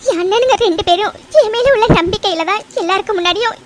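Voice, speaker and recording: A woman's voice: very high voice, background noise. A woman voicing a heartbroken young woman in a cartoon drama, tearful and pleading, stumbling over her words. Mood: despairing. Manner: pleading, halting with repeated words. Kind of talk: dubbed cartoon family drama.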